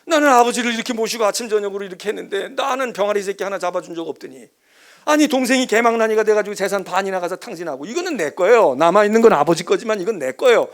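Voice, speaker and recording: A man's voice: high-pitched, very fast, few pauses, fairly bright tone. A man voicing a resentful elder son, grown and complaining insistently and with a sense of grievance, in a sermon. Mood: indignant. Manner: aggrieved, insistent outburst.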